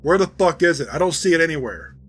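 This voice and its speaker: A man's voice: on the high side, normal speed, fairly bright tone, faint music behind. A man voicing a coarse, swearing male security agent in a dramatized audio log. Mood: gruff.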